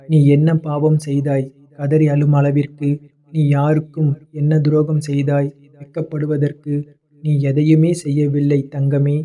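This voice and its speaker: A man voicing a fatherly male god who calmly consoles a devotee in a devotional address, repeating tender words of endearment. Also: a little high, close to an everyday voice. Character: fatherly male god comforting his child.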